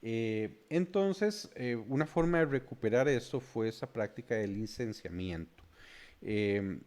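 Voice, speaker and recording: A Costa Rican man hosting a beer show, explaining brewing history in a halting way full of filler sounds. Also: mid-range voice, lively intonation, a little mellow. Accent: Costa Rican Spanish. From Costa Rica. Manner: hesitant, many filler sounds.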